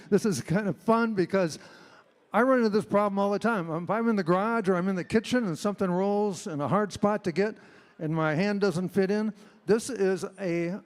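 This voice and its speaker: A chatty American man in his seventies talks to a crowd from the stage in an informal, joking way. His voice is fairly high and echoes through a large hall. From Illinois, United States. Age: 70s. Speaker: auctioneer presenting on stage. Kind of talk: informal stage presentation with jokes.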